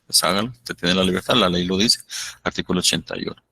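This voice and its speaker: A man lecturing law students, explaining slowly and acting out courtroom exchanges. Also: low voice, sharp tone, slight background noise. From Guatemala. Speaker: law professor. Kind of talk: university lecture.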